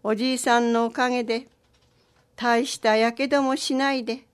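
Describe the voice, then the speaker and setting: Lady doing a snake spirit as a shy young man, thin humble voice, super polite, kinda high. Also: steady tone, normal speed, clean tone, natural voice.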